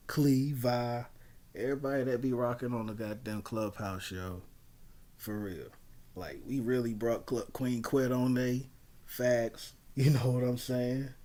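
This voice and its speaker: A man hosting a livestream in casual, slangy, conversational talk. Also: mid-range voice. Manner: conversational, peppered with slang and shout-outs. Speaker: livestream host.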